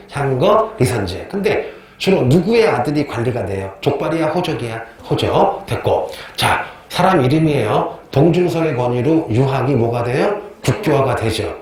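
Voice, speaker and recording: A man teaching a history class, asking questions and answering them himself, repeating key terms and telling joking stories. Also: a little high. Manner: chatty, tells joking anecdotes. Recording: very echoey classroom with faint noise.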